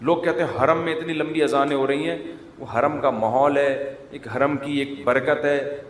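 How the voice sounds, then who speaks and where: A man's voice: a little high, steady tone, a little hiss or hum. Man giving an echoey religious talk. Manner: humorous, imitates drawn-out calls to prayer. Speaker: Islamic scholar. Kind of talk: conversational Urdu religious talk. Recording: echoey hall, faint ambience.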